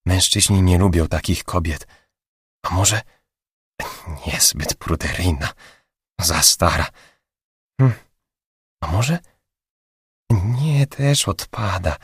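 A man's voice: low voice, takes it slowly, long pauses, husky, dry recording, studio quality, full character voice. A man voicing a chatty, anxious young female receptionist who gossips with a raised voice, for an audiobook. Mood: conspiratorial hush. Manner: raised gossipy voice, later hushed whispering.

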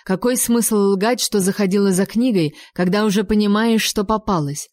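A woman's voice: mid-range voice, moderate pace, darkish tone, no room sound, clean studio sound, lightly acted. A woman reading as a jealous, icy king. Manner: icy, mocking, commanding. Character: jealous, cold-tempered male king. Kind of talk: audiobook reading.

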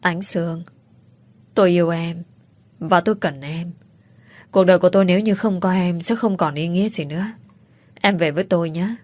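Lady reading a sweet young husband, soft and pleading, lowish voice. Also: steady tone, moderate pace, pauses often, no room sound, close to an everyday voice. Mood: tender. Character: young husband, tender and devoted.

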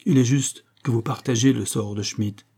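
A man's voice: mid-range voice, steady tone, normal speed, mellow, lightly acted. A man voicing a mocking, cold-blooded master criminal in an audiobook, speaking in a raised, sneering voice. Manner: sneering, icy.

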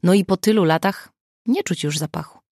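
A woman's voice: on the low side, fairly quick, darkish tone, no echo. A woman reading the lines of a blunt, dry-humored woman friend in an audiobook. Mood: wry.

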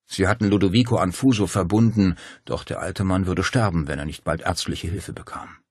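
Deep husky guy narrating a crime novel, calm measured read, dry sound. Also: dry recording. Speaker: audiobook narrator.

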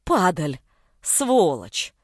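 A woman's voice: fairly low pitch, wildly swooping pitch, extremely slow, dry recording, studio quality, pitched below the performer's own voice, full character voice. A woman voicing a young village woman, a fierce, blunt-spoken elder sister protecting her little brother. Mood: furious. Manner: blunt, rough-spoken, shouting in anger.

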